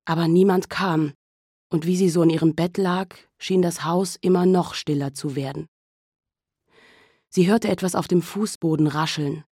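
A woman narrating a novel as an audiobook in a calm, measured storytelling manner. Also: on the low side, husky, no room sound, studio quality. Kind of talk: scripted narration.

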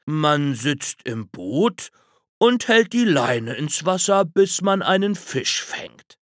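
A man voicing a calm, easygoing male bear who likes being alone, in a children's storybook reading, speaking in an unhurried, laconic way. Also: on the high side, dry recording, clean studio sound, pitched above the performer's own voice.

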